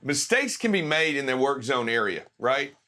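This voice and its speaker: A man hosting a live talk show, animated in tone, acting out reactions as he chats casually. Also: mid-range voice, moderate pace. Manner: animated, exclaims and acts out reactions. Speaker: show host.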